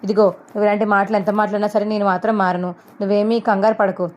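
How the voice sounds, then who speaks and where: A woman's voice: medium pitch, flat delivery, fast, darkish tone, highs cut off, close to an everyday voice. A woman voicing a bossy middle-aged mother who scolds her sons sharply. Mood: scolding.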